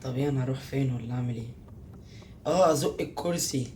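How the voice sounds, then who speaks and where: A young man with an Egyptian Arabic accent commenting on a horror game he plays, talking to himself and bursting out in panicky shouts. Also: medium pitch, fast, a little hiss or hum. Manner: jumpy, panicky outbursts, talks to himself. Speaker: gaming YouTuber.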